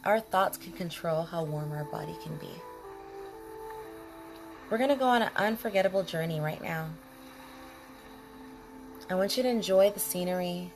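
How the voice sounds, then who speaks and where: A woman guides a body scan meditation in a calm, soothing way, using short, unhurried phrases broken by pauses. Her voice is fairly low, and music plays behind her.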